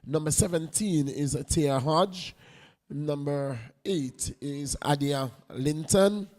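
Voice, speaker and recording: A man giving unhurried live play-by-play commentary on a women's football match, lifting his voice when play gets close to goal. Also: fairly high pitch, a little mellow, in a large hall. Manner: unhurried play-by-play, rising on attacks.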